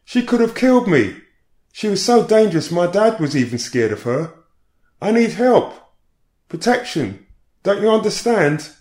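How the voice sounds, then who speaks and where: A man voicing a small, distressed woman who shouts and pleads in desperation. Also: sits high, animated, slow, long pauses, echoey room, voice pushed up. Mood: shouting, frantic. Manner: shouting, pleading, childlike whimper.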